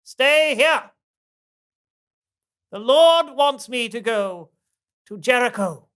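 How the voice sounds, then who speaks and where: A woman's voice: on the high side, lively intonation, fairly bright tone, smooth. A woman playing the prophet Elijah, speaking in a formal, earnest way in a puppet skit. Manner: formal, earnest, slow proclamations.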